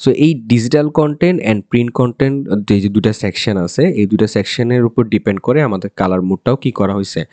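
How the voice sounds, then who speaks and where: A man rattles through a software tutorial at a very fast clip. His voice is low and mellow, and it is recorded dry, with no room sound. He explains in repeated loops and keeps checking that his listeners follow. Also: no echo. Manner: rapid, repetitive explaining with frequent fillers and checks.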